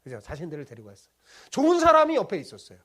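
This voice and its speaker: A high-voiced male pastor preaching with a lively, swooping delivery. He poses question after question to his listeners and answers them himself. He keeps pulling the room along with little checking-in tags. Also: racing. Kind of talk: sermon.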